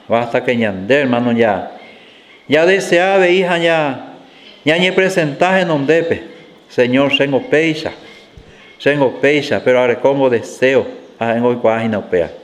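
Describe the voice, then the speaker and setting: Slow-preaching man. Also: fairly high pitch. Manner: reads scripture aloud and explains it, often saying "hermano". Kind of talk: sermon mixing Spanish and Guarani.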